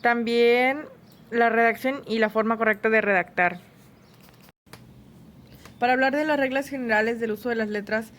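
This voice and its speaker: A woman reads a spelling lesson aloud, moving through rules and example words in a steady, list-like way. Her voice sits a little high. A faint room hum stays behind her. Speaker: teacher.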